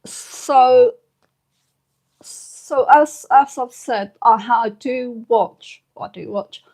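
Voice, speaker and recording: A channel host in her fifties, from the United Kingdom, speaks in a slightly high voice on a casual live stream. Her emotion shows as she grows a bit tearful, and her soft, hesitant talk is full of pauses and filler words.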